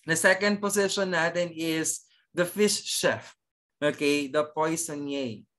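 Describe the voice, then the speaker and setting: A cookery teacher with a Filipino accent leads an online lesson at a mid-range pitch. The delivery is chatty and conversational, checking in every few phrases, with repeated pronunciation drills for the class. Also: unhurried, fairly bright tone. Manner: chatty, checks in with frequent "okay" and "no?".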